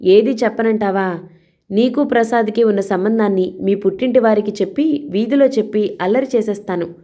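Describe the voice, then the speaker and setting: A woman's voice: medium pitch, moderate pace, mellow, pitched above the performer's own voice, natural voice. A woman voicing a furious husband who threatens his wife with harsh, commanding words in a read-aloud crime story.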